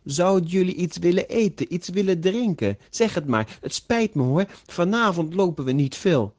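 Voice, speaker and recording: A man's voice: high-pitched, lively intonation, voice pushed up. A man voicing an eager, polite young Italian man. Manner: slow, carefully pronounced.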